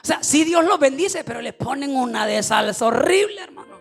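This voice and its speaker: High gravelly preaching pastor. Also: male voice, lively intonation, fairly quick, soft background music. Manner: preaching with shouted, sing-song climaxes and soft asides. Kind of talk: sermon. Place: church.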